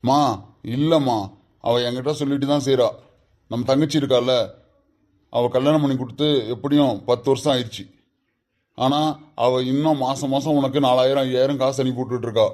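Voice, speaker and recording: A man playing a patient son and husband who calmly reasons with his mother in a comedy skit, with a Kanyakumari Tamil accent. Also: mid-range voice, a little fast, pauses often, close to an everyday voice. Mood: reasoning. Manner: calm, reasoning.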